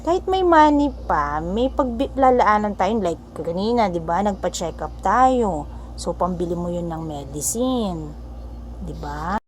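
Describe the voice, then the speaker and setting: A woman's voice: mid-range voice, expressive, unhurried, a little hiss or hum. A woman, a mother filming a vlog and patiently explaining things to her young daughter, switching between Tagalog and English. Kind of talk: casual vlog, gently explaining to a child.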